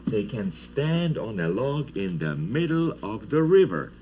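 Slow man telling kids a story. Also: lowish voice, big pitch swings, mellow, slight background noise, low-quality recording. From Czech lands. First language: Czech. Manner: playful, asks children questions. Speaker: children's TV host. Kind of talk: storytelling to children.

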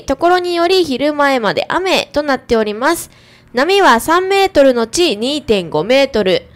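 A woman hosting a morning radio show, politely reading the weather and traffic with chatty asides, from a radio studio. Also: on the high side. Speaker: community radio host.

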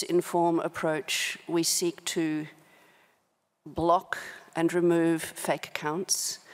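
A middle-aged woman, a company's human rights director, sits on a policy forum panel and gives prepared remarks off the cuff in a large indoor conference hall. Her lowish, slightly mellow voice is measured and halting, her vocabulary formal, and she speaks close into a desk gooseneck microphone.

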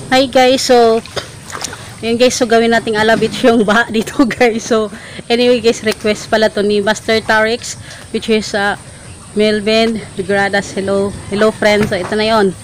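A young woman with a fairly high voice chats cheerfully to her viewers, laughing often as she films herself on a phone at arm's length. She is outdoors on a farm, and clear background noise sits under her voice. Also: level tone, normal speed, low-quality recording. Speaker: vlogger. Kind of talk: casual vlog chat.

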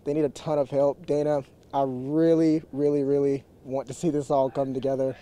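A man's voice: mid-range voice, little pitch movement, normal speed, warm tone. A man reporting live with a handheld mic, chatty and enthusiastic. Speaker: field reporter. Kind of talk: live news hit.

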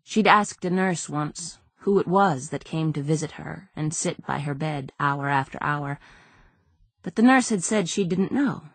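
A woman narrating an audiobook in a measured, subdued reading. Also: low voice, vocal fry, husky, no echo. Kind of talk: scripted narration.

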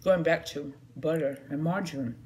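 A middle-aged woman chats casually to the camera in a mukbang, chewing between phrases as she eats. Her voice is low, a little mellow, and moderately paced. The noisy home phone recording was made in a small indoor room at home.

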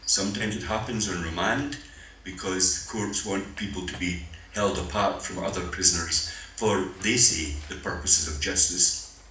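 Deep-voiced Scottish man lecturing dryly. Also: sharp tone. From Scotland. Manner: measured, dryly humorous lecturing. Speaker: conference panel speaker. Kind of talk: conference talk by video link. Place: meeting room, voice played over speakers. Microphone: video call. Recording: roomy hall with faint noise.

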